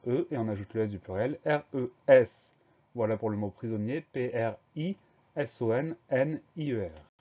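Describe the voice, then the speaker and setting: A man teaching a spelling lesson, slowly and carefully spelling words out letter by letter. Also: medium pitch, warm tone, muffled recording.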